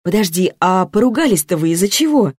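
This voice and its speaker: Woman reading as a steady hairdresser woman, sincere and plain, a bit low, dry close sound. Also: brisk, slightly rough, no room sound. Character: grounded woman hairdresser, calm and strong.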